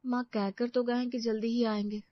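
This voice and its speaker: An excitable, emotional young bride from an animated story, as a woman narrator voices her, bright and high-pitched. She sounds affectionate and shy by turns. The audio is dry and slightly dull. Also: a little fast, dry recording, close to an everyday voice.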